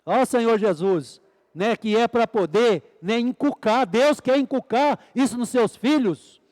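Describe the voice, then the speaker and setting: Male preacher, high voice, fervent sermon delivery, keeps asking and answering his own questions. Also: a little slow, a little mellow, big-room sound. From Brazil. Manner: repeated fervent "Ó Senhor Jesus" exclamations; asks the congregation questions and answers them.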